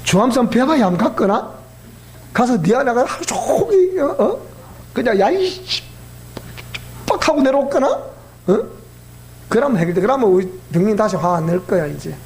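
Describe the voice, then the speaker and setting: A middle-aged male pastor with a Gyeongsang Korean accent, preaching in a folksy, animated storytelling manner. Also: high voice, moderate pace, a little hiss or hum. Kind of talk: sermon.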